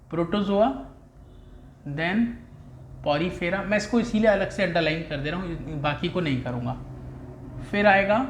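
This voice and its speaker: A male teacher giving a classroom lecture, drilling terms by slow repetition and calling students "beta". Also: high-pitched, reverberant.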